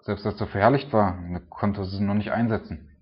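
Low-voiced man preaching casually. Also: steady tone, a little fast, muffled recording. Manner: informal, tags nearly every sentence with a questioning "ne?". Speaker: preacher and church planter.

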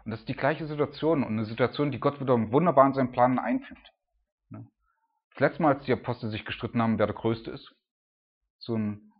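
A man preaching an informal sermon, talking casually with frequent "ne?" tags and sometimes acting out loud, high cries. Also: slightly rough. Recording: dull lo-fi sound.

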